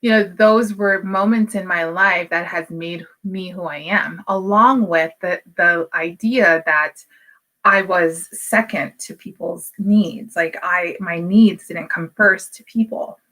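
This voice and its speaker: Woman in her thirties, business coach, candid, lots of fillers, bright tone. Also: on the low side, slow pace. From Hawaii, United States. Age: 30s. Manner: candid and personal, with frequent fillers. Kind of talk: casual motivational talk to camera.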